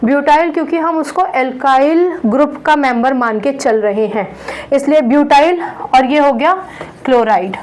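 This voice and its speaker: A woman's voice: high voice, rough recording. A woman teaching a chemistry lesson, patiently walking students through naming compounds and often checking in as she goes. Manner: counts out carbons slowly. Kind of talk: online classroom lecture.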